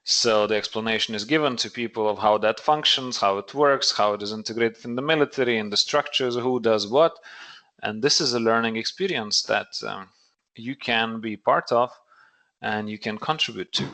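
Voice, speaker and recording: Bright-voiced man, late thirties. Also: fairly low pitch, normal speed. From Lithuania. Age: late 30s. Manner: thoughtful, searches for words. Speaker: podcast guest. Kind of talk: earnest podcast conversation.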